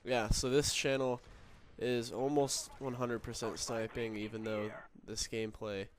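A young man with a mid-range voice speaks at a measured pace with little pitch movement, sounding nasal and sick from a cold. He's a gaming commentator rambling casually over game footage, full of fillers and swearing. The recording is noisy, with game gunfire behind him.

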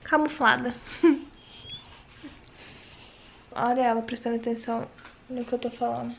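A young woman vlogging casually at home, chatting and talking softly to her new baby. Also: on the high side, fairly even intonation, a little slow, vocal fry, slight background noise. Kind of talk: casual home vlog chat. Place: home kitchen.

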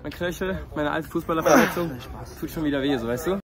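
A young man vlogging at a football pitch, teasing and joking with his friends in casual banter, filmed on a phone held out at arm's length. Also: fast talker, a crowd in the background. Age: young adult.

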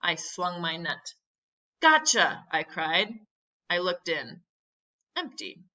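Woman, teacher, storytime read-aloud, expressive, asks questions, bright tone, lo-fi sound. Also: lowish voice. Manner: expressive, pauses to explain and ask questions. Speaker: teacher reading aloud to children. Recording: muffled lo-fi audio.

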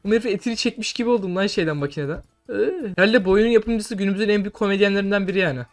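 Young male gamer, high voice, quick rambling delivery, faint music underneath; casual game commentary. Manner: rambling, then loud swearing outbursts. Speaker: gameplay streamer. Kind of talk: casual gameplay commentary with mock lore.

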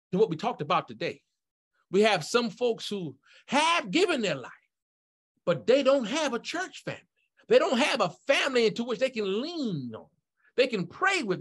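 A man preaching as a pastor in a church sanctuary, calling out to the congregation with rising fervor. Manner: singing then preaching with rising fervor, lively pitch. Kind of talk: sermon with sung opening and altar call.

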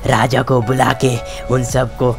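A rude wolf thug in a game video barks threats in a flat, monotone delivery, as a man voices him. Clear music plays throughout behind him. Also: mid-range voice, unhurried. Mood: threatening. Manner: shouting, threatening. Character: bullying male wolf thug, gruff and rude.

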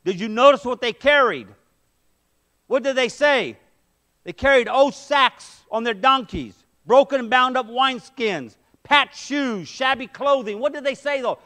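A middle-aged pastor preaches in a medium-sized indoor church sanctuary on a headset mic, in a very high, bright voice with a forceful tone. He is expressive and measured in pace, driving his points with emphatic rhetorical questions.

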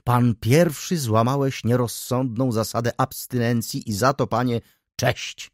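A man's voice: mid-range voice, fairly even intonation, a little slow, no room sound, studio quality, voice pushed up, lightly acted. A man voicing a talkative, ceremonious graying older baron who keeps calling his listener "sir". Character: chatty, fussy graying older baron, eager.

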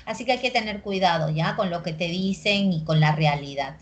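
A young woman with a Peruvian accent teaching a language class, lively and constantly checking that students follow along. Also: lowish voice. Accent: Peruvian Spanish. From Peru. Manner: lively, keeps checking understanding with quick tag questions. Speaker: pre-university language teacher. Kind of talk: recorded class lecture.

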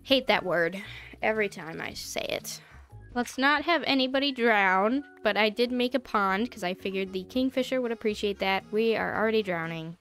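A woman with a mid-range, slightly bright voice and moderate pace gives casual let's-play commentary while building in a game, soft music in the background. A gaming YouTuber, she's chatty and giggly, laughing often as she talks through hiccups in a strained voice.

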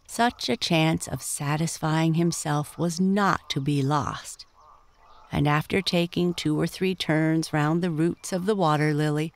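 A bedtime storyteller who reads at a very slow, unhurried pace. The delivery stays gentle and even, meant to settle children for sleep. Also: mid-range voice.

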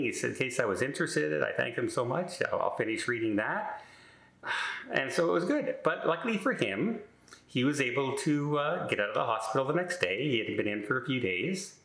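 A middle-aged man tells a story casually and rambles, often restarting with "and, uh." His voice is bright and clear at a mid pitch. The room adds a noticeable echo. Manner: rambling, many filler words and restarts. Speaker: vlogger.

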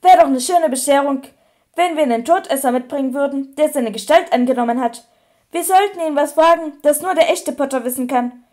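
A woman voicing a gruff, suspicious old male wizard who growls bluntly in an audiobook reading. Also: high-pitched, fairly quick, a little mellow, natural voice.

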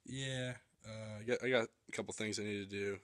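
A man's voice: on the low side, steady tone, brisk, a bit bright, close to an everyday voice. A young man playing a polite but skeptical friend who hesitates, stammers and questions what he is shown in a basement. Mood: hesitant, doubtful. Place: cluttered home basement.

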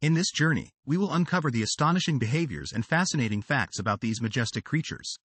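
A male narrator reads a nature documentary script with a dramatic, sweeping delivery. His pitch rises and falls in a lively way, and his voice has a husky edge. The recording is dry and close, with no room sound. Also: fast talker, no echo.

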